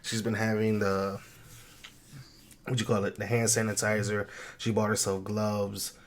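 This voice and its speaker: A man's voice: fairly low pitch, little pitch movement, a little slow, a little hiss or hum. A man sick with the flu and a swollen throat, chatting casually and bluntly as a podcast co-host. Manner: blunt, freely swearing.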